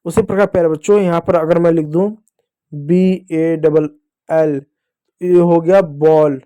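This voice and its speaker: High-voiced man teaching phonics. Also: fairly even intonation, a little slow, mellow, dry recording. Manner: patient, repeats questions and answers them himself. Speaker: English teacher. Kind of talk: classroom-style phonics lesson.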